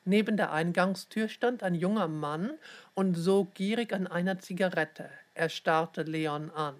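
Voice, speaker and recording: A woman narrating a children's story in a clear, even storytelling manner. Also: fairly low pitch, unhurried.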